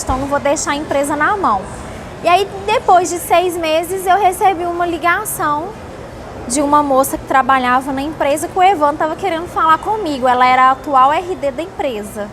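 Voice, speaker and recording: Vehicles rumble in the noisy background as a woman from Salvador in Brazil, who works for a company, recounts personal stories in a casual interview. She speaks a little fast in a high voice.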